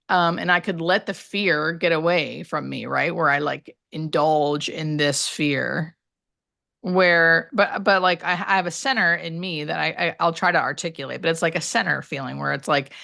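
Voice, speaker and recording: Candid woman with a creaky, low-pitched voice. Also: pushed and bright. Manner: candid, conversational, rambling with emphatic asides. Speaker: hospice nurse and author, interview guest. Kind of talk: casual personal storytelling in an interview.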